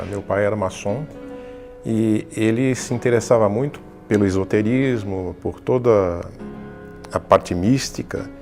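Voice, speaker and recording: An older Brazilian man calmly recalling his childhood for a documentary. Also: fairly low pitch, creaky. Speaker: interviewee recalling the past. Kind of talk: documentary interview, reminiscing.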